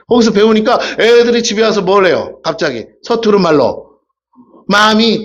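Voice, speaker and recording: A male pastor giving a casual, humorous sermon, telling stories and asking the congregation questions. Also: high-pitched. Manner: chatty storytelling, asks the congregation questions, acts out voices. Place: church sanctuary. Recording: dull lo-fi church recording.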